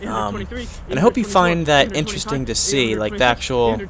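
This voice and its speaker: A man in a middle-pitched voice talks over his footage in a loose, rambling way. He leans on fillers and pokes fun at himself. Crowd chatter hangs in the background. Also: big pitch swings, moderate pace, vocal fry. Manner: rambling, filler-heavy, self-mocking. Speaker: vlogger. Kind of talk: casual voice-over commentary.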